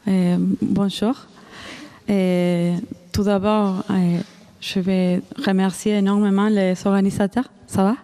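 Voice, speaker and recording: A researcher from Argentina, a woman with an Argentine Spanish accent, gives an academic conference talk in French, her second language. She is hesitant, with frequent restarts and fillers. Her medium-pitched voice is slow, mellow, and clean-toned, with little pitch movement.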